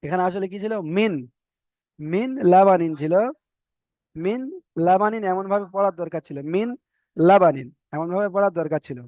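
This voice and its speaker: A man teaching Quran reading, spelling out syllables slowly one by one and often checking that the students follow. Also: sits high, a little mellow, no room sound, lo-fi sound. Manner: slow, drawn-out letter-by-letter spelling with repeated checks. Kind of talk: spelling-out recitation lesson.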